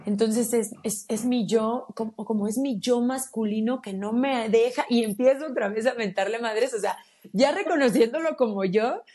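A woman with a Mexican accent, a podcast guest telling a personal story in a casual, animated and slangy way. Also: on the high side, moderate pace. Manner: animated, slangy, acts out her own quotes.

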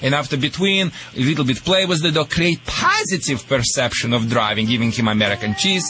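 A man from Russia with a Russian accent hosts a radio call-in show, giving jokey dog-training advice in halting English with repeated words. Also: mid-range voice, expressive, bright, forceful tone, faint music behind.

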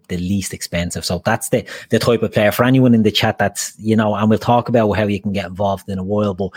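A man's voice: lowish voice, darkish tone, no echo. A man with a Dublin accent hosting a casual football discussion and putting questions to his guests. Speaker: host of a football discussion show. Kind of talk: casual sports chat, posing questions to guests.

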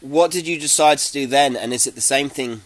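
A man interviewing a farmer, asking questions in a halting way with repeated words. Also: medium pitch, dry recording. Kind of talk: casual interview. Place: polytunnel on a farm.

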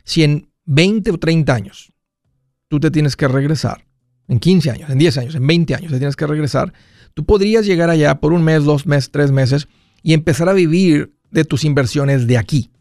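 A man hosts a call-in advice show in a conversational, explanatory way. His voice sits a little high for a man and has a strong gravelly fry. He restates points as he goes, and the sound is close and dry. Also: normal speed, darkish tone, no room sound. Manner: explanatory, rephrases and repeats points. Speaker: call-in show host and financial adviser.

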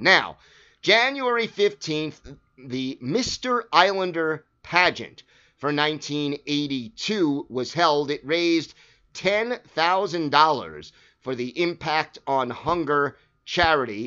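A man's voice: mid-range voice, fairly bright tone. A man hosting a sports history show, recapping old games in a casual, conversational way, listing scores and stats with frequent fillers. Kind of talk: casual narrated game recap. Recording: dull lo-fi recording.

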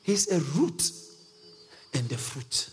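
Emphatic preacher with a higher male voice. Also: very animated, takes it slowly, slight background noise. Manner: emphatic, asks the congregation questions, chuckles often. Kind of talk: sermon teaching on scripture. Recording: reverberant hall with faint music.

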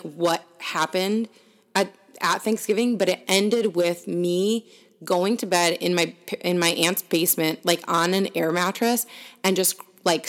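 A young woman telling a story in casual chat, chatty and full of "like". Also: medium pitch. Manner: chatty storytelling, heavy use of "like".

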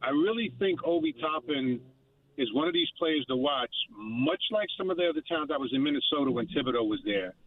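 A man calling in to a sports radio show from his car over a clipped phone line, polite, clearing his throat and pausing on fillers. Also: fairly high pitch, expressive. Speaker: caller.

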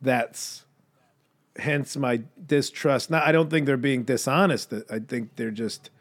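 A man's voice: medium pitch, takes it slowly. A man co-hosting a podcast in casual chat, sarcastic and profane, full of joking banter. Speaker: podcast co-host.

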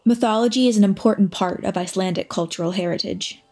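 A woman narrating a documentary in a thoughtful, measured scripted way. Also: mid-range voice, a little mellow, soft background music.

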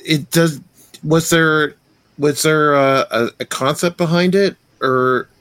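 A male interviewer speaks at an unhurried, slow pace. He asks his questions haltingly and restarts his phrasing. The call audio is dry and close, with no room sound. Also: on the high side, a bit bright, smooth, no room sound. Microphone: video call.

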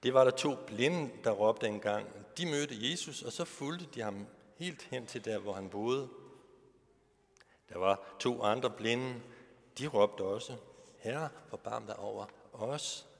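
Man, pastor, sermon, rhetorical questions, mid-pitched voice, long church reverb. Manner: asks rhetorical questions of the congregation.

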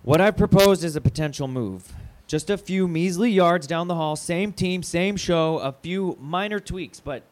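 In a naturalistic audio drama, a male actor with a high voice plays a foul-mouthed radio station manager. The character placates and cajoles in halting corporate speak, sounding awkward and placating.

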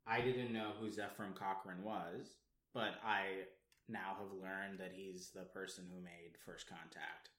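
Deep-voiced man rambling in a roomy space. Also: fairly even intonation, a little slow, pushed and bright. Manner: explains at length with many ums and restarts. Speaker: podcast co-host. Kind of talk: casual chat. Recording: roomy echo.

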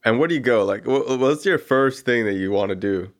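A man hosting a casual interview, asking relaxed, slangy questions and reacting quickly. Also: mid-range voice. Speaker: podcast host.

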